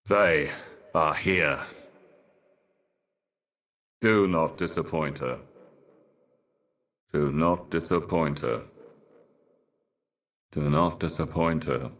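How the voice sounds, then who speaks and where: An actor playing a solemn otherworldly herald of cosmic horrors in a video game, speaking in an ominous, grandiose and cryptic theatrical manner. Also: male voice, low voice, fairly bright tone, full character voice. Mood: urgent, foreboding. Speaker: game character, messenger and guardian.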